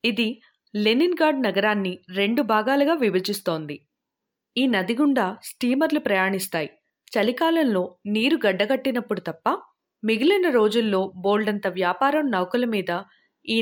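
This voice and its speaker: Storybook female tour guide who gives facts to her group, read by a woman, mid pitch. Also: expressive, moderate pace, close to an everyday voice. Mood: informative. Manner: informative, announcing. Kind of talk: audiobook character reading.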